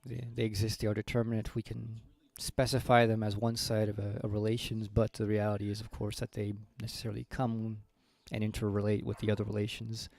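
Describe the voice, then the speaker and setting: A man in an informal philosophy discussion, reading aloud and thinking out loud in a low, unhurried, halting way. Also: completely flat delivery, gravelly, no echo. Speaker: reading group member leading the discussion. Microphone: voice call microphone.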